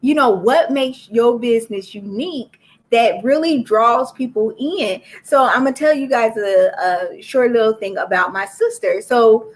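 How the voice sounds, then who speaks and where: Woman, book club host, live stream, chatty, talks to viewers, fairly high voice. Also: unhurried. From Florida. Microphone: laptop or phone for a live stream.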